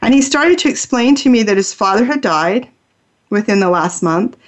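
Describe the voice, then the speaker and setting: A woman coach who speaks on the radio about healing. She tells a story from her own life in an earnest, heartfelt way. Her voice sits at an ordinary middle pitch. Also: animated, normal speed. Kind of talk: personal storytelling on a radio show.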